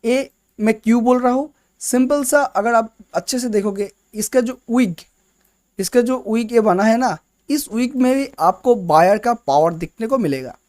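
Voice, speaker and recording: A man's voice: very high-pitched, moderate pace, a little mellow, no echo, clean studio sound. A man teaching candlestick chart patterns in a casual lesson, explaining step by step and often repeating and restarting words. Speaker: trading teacher.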